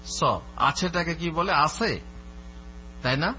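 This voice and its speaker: A man teaches a religious lesson in a fairly high, strikingly bright voice. He works through each point by asking a question and answering it himself. The recording is dull and lo-fi, with a faint mains hum beneath. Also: takes it slowly. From West Bengal. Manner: explanatory, poses questions and answers them himself. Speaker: Islamic scholar giving a lesson.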